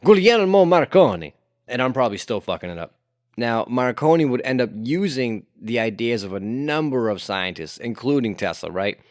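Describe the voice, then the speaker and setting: A man's voice: medium pitch, expressive, moderate pace, no echo, studio quality. A man hosting a casual history podcast, talking conversationally with lots of swearing and "you know" fillers. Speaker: podcast host.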